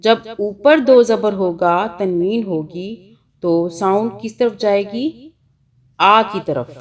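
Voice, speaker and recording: A woman's voice: medium pitch, slow pace. A woman with a Pakistani Urdu accent teaching Quran reading online, patiently repeating each sound.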